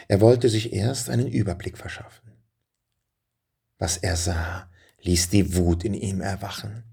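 A man reading a children's story aloud in a lively, dramatic way, dropping to hushed passages. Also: lowish voice, gravelly, slightly rough.

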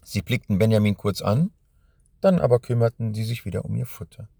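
A male storyteller with a low, gravelly and husky voice reading a storybook in a measured, even manner. He sits close to a dry mic with no room sound. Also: no echo. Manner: measured, addresses young listeners directly. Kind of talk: scripted storybook narration.

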